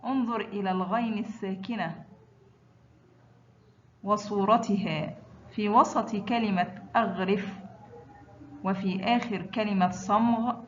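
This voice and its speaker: Slow, deliberate woman teaching pronunciation. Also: medium pitch, muffled recording, slight background noise. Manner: says each sound twice, slow and stressed. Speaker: Arabic teacher. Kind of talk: slow, drilled pronunciation lesson.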